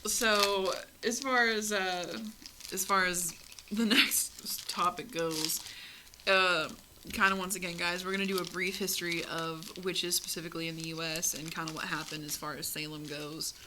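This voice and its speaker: A woman's voice: fairly low pitch, fairly even intonation, moderate pace, background noise. A woman co-hosting a podcast in casual chat, laughing often, swearing freely and rambling between topics into a close mic. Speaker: podcast co-host.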